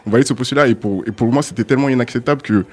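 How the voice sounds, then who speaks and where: A young man talking in a casual podcast discussion, fast and halting, often restarting and repeating words. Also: mid-range voice. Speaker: podcast guest.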